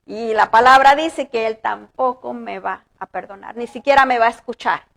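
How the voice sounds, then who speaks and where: A woman pastor preaching a sermon in earnest, rising for emphasis and slowing down to read scripture aloud. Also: a little high, creaky, fairly bright tone. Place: church.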